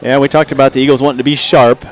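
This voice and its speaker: A man giving conversational, measured football analysis as a color commentator on a radio broadcast. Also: mid-range voice, level tone, poor audio. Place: stadium broadcast booth. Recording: crowd and faint outdoor noise behind.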